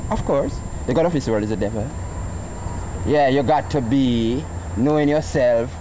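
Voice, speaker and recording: A Rastafarian farmer with a Jamaican accent philosophizes informally in a mid-range voice at normal speed, teaching by quizzing listeners with rhetorical questions. The outdoor recording is noisy with traffic.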